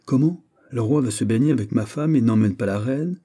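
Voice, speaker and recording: Brief: man reading as a sulky jealous young prince, whiny and shrill when pushed, storybook, dark husky voice. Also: a little fast, lightly acted. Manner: whining, sulky, rising to shrill outbursts.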